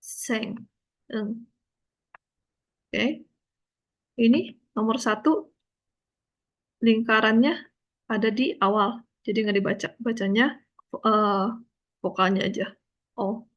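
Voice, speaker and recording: Slow, patient woman teaching Korean. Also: fairly high pitch, dull audio. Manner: slow, patient explaining with frequent checks. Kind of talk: online language lesson.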